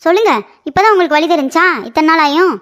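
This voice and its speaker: A woman's voice: very high-pitched, quick pace. A woman voicing a quarrelsome, scolding middle-aged mother in a comic cartoon. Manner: scolding, taunting.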